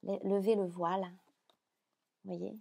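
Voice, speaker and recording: A French woman giving a spiritual card reading to the viewer, speaking softly and hesitantly, often repeating phrases with many fillers. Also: mid-range voice, level tone, unhurried, creaky, noisy background. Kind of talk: channeled reading, addressing viewer.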